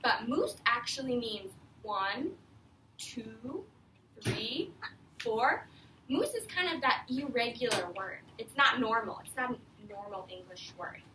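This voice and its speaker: In an echoey classroom, an elementary school teacher reads aloud to young children, explaining things simply and often prompting them with questions. Her voice is fairly high, sing-song and sharp, and she speaks slowly. The recording is echoey, with a distant mic and faint noise.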